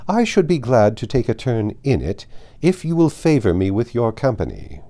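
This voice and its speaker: A man voicing a haughty, domineering older aristocratic lady in an audiobook, with emphatic and deliberate delivery. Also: mid-range voice, very animated, warm tone, pitched above the performer's own voice. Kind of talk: audiobook character voice.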